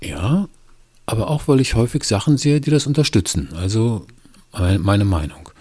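A man reading as a stubborn, defensive skeptic, voiced higher than the narration and pressing hard with each claim. The tone stays husky and dark. The sound is dry and close. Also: animated, moderate pace, dry recording. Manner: indignant, pushing his view.

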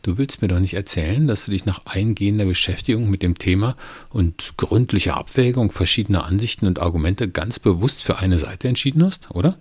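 A man voicing a calm, reasoning neighbor who explains patiently with mild irony, in a low, husky voice. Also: brisk, no echo. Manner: patient, explaining, mildly ironic. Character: calm, reasoning middle-aged male neighbor.

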